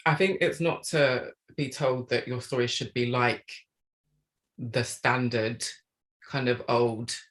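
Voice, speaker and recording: A woman's voice: a bass voice, steady tone, takes it slowly. A middle-aged woman, an author chatting reflectively as a guest on a live stream.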